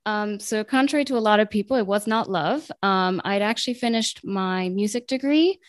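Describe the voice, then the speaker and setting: A translator and radio journalist in her late twenties, born in Italy and raised between Italy, the US and Ireland, answers interview questions as a guest. She is chatty, full of ums and self-corrections, speaking at medium pitch and moderate pace in a dry, clean studio recording.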